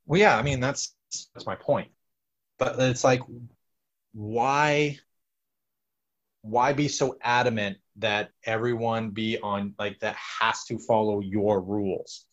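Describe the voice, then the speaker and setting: A man's voice: on the low side, fairly even intonation, slow pace, lo-fi sound. A man hosting a casual chat, rambling and swearing, with lots of fillers. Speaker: podcast host.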